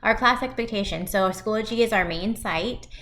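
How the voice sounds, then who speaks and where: A woman in her thirties, a high school math teacher, walking parents through class web pages in a recorded virtual presentation. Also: moderate pace, fairly bright tone.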